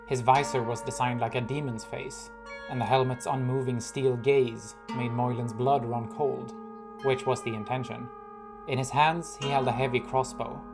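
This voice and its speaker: A man reading his own fantasy story aloud in calm, even scripted narration. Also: medium pitch, moderate pace. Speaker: author and narrator. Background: guitar music.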